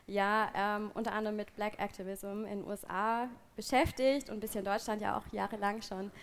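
A woman from Germany co-hosting a live podcast panel, introducing guests and explaining in a steady manner with filler words. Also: medium pitch, brisk, slight background noise. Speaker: podcast co-host.

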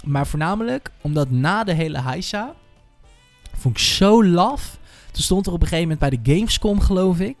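A man's voice: high-pitched, lively intonation, moderate pace, dry recording, faint music behind. A man chatting informally as a podcast host about games, using slang and mixing in English loanwords. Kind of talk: casual gaming chat.

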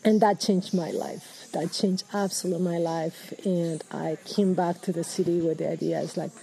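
A Peruvian woman in her fifties, an ecologist, speaking in a thoughtful, halting way with restarts and fillers, recorded outdoors in a rainforest. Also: lowish voice, fairly even intonation, creaky, warm tone, poor audio. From Peru. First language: Spanish. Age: 50s. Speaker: ecologist guest. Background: birds, people, general activity.

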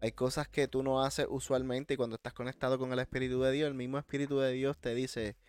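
A man's voice: mid-range voice, level tone, fast, clear, resonant tone, faint music behind. A man co-hosting a podcast, chatting about faith and often checking in with his partner. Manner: conversational, checks in with listeners. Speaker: podcast co-host. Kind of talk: casual faith talk.

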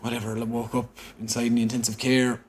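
Interview guest: Irish man, conversational storyteller who quotes dialogue, mid-pitched, faint noise behind. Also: fast talker. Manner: animated, quotes dialogue as he recounts.

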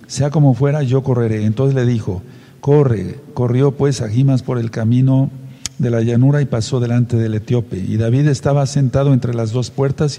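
This Bible teacher reads scripture aloud to his group, breaking off to explain passages and put questions to his listeners. He has a medium-pitched, dark voice, and the recording carries the sound of a big room.

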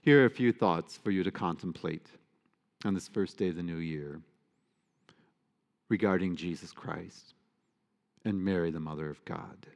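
A male priest delivers a sermon in a slightly low voice, earnest and emphatic, with room for playful asides. His words carry a long reverb, as if they fill a big church. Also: normal speed, creaky, long pauses, dull audio.

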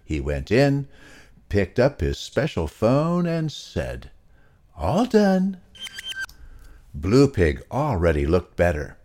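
A man reading a children's story aloud to young listeners in a slow, expressive storyteller manner. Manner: slow, expressive storyteller delivery, swooping pitch.

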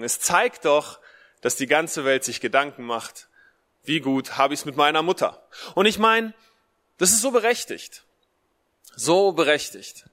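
A preacher from a Russian-German family in Germany delivers a casual, conversational Mother's Day sermon over a livestream, his voice a little high and a bit bright. A speech impediment keeps him from rolling his R, and he repeats short phrases for emphasis, with long hall reverb around him.

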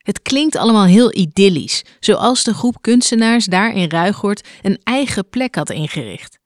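A documentary narrator and interviewer speaking in a calm, measured way. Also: mid-range voice, no echo, studio quality.

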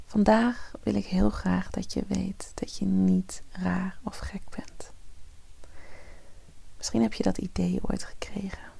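Woman doing a gentle morning meditation, soft soothing whispery voice, super creaky and husky, close dry mic. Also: mid-range voice, dry recording. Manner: soft, breathy half-whisper, slow and soothing. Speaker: host of a morning meditation podcast.

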